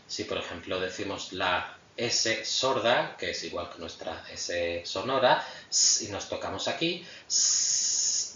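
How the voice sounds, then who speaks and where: A man giving a patient phonetics lecture as a language teacher, often pausing with fillers, a native Spanish speaker. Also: fairly low pitch, a bit bright, a little hiss or hum. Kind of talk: explanatory lecture. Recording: roomy, distant, muffled mic.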